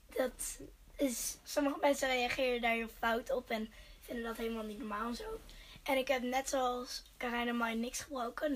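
A woman's voice: high voice, poor audio. A young teenage girl chatting casually as a guest among friends on a podcast. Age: child or young teen.

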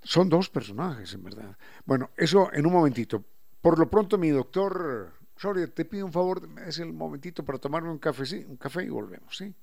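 A man hosting a talk show, explaining language points in a professorial way and slowly spelling out sounds and words. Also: a little high, animated, vocal fry, a little mellow. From Ecuador. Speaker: radio host.

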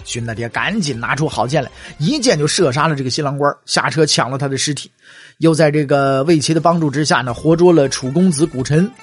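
A man's voice: a little high, fairly quick, slightly rough, faint music behind. A man, telling history as humorous, chatty storytelling with wry asides.

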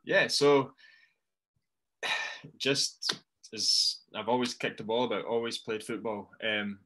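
A man's voice: fairly low pitch, slow, fairly bright tone, low-quality recording. A man in his twenties with a Fife Scottish accent, chatting informally and self-deprecatingly as a wrestler being interviewed. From Dunfermline, Fife, Scotland. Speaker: professional wrestler, interview guest. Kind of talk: casual interview chat.

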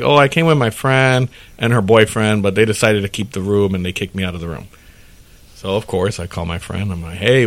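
A man with a fairly low voice hosts a casual podcast chat. He tells a long, rambling story and acts out each line of dialogue as he goes. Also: vocal fry. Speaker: podcast host.

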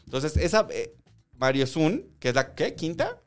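A man's voice: on the high side, huge pitch swings, unhurried, faint music behind. A young man with a Mexican Spanish accent, hosting a podcast in casual chat. He tells stories with energy, acts out the voices of the people he quotes and laughs often. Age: young adult. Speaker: podcast host.

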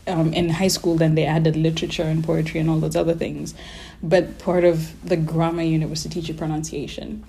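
A Kenyan woman in her thirties speaks casually and reflectively in an interview, her accent sounding American with a slight Kenyan trace. Her voice sits low and is creaky yet warm, with a flat, slightly fast delivery.

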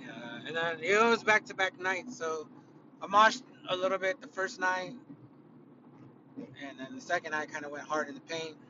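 Hoarse and spent from concerts, this Californian man delivers a casual solo podcast rant at a moderate, animated pace, slightly high-pitched for a male. He's opinionated and profane, wandering off track with constant fillers and false starts, while traffic rumbles beneath the muffled, low-fidelity audio.

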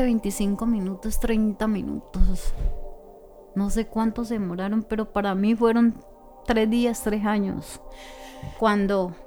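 A woman's voice: mid-range voice, dark tone. A woman giving an intense, emotional testimony about her own experience, acting out what was said. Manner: intense, re-enacts dialogue, pleading. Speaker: interviewee recounting abuse.

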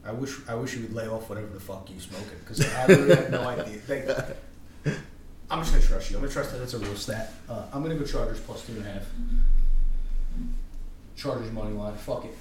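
A man's voice: on the low side, fairly quick, long pauses. A young man co-hosting a podcast, chatting loosely about sports with plenty of swearing and restarts. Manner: loose, profane, restarts often. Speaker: podcast co-host. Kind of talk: casual sports chat. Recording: echoey room from far off, noisy.

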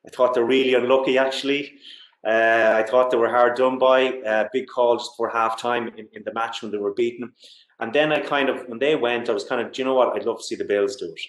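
A man from Galway with a west of Ireland accent appears as an interview guest, chatting casually and enthusiastically about sport and often saying "you know." His medium-pitched voice is fairly quick with fairly even intonation. The recording sounds roomy and echoey.

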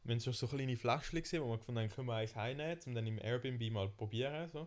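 A young man with a Swiss German accent telling a funny travel story in casual chat, lively and laughing often. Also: mid-range voice, rapid-fire. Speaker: podcast co-host.

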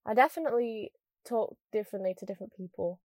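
A young woman from Scunthorpe, northern England, chats casually to camera in a jokey, self-deprecating way, with a northern English Lincolnshire accent. She talks fast at a medium pitch with a slightly mellow voice, recorded cleanly in a studio with no echo.

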